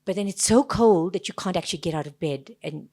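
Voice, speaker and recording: A woman with a Durban Indian South African accent, chatting casually and anecdotally as an interviewed author, animated, jokey and self-deprecating. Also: lowish voice, a little fast. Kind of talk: casual anecdotal chat at a book event.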